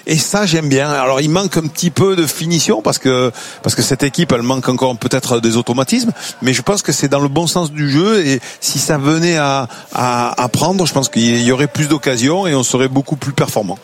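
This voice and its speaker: A man giving live football analysis on radio, animated and full of fillers and restarts. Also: medium pitch, fairly quick. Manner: animated, many fillers and restarts, enthusiastic about the game. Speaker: football consultant.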